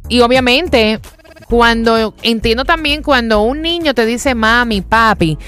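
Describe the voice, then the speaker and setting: A woman's voice: a little high, measured pace, a bit bright, faint music behind. Woman hosting a radio chat. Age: middle-aged. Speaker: radio show host.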